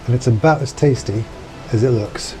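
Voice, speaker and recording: A man's voice: medium pitch, moderate pace, darkish tone, poor audio. A man co-hosting a cruise vlog. He gives wry, understated commentary on board a ship. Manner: wry, understated, dry humor.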